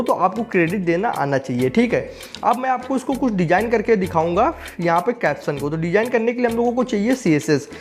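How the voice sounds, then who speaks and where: A young man explaining a coding tutorial step by step, often checking in with the viewer as he works on screen. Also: sits high.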